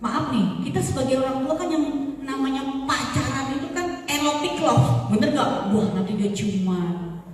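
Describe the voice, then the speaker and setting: A woman giving a parenting seminar, talking in a lively, chatty way and teasing the audience. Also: high-pitched, moderate pace, slight background noise. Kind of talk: seminar talk. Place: large seminar hall. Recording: echoey hall, far from mic.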